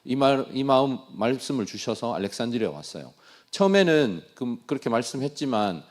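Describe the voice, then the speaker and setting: A man's voice: medium pitch, sing-song, brisk. A man from Daegu with a Gyeongsang accent, a missionary giving an earnest, self-deprecating testimony in a sermon, often repeating his phrases. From Daegu, South Korea.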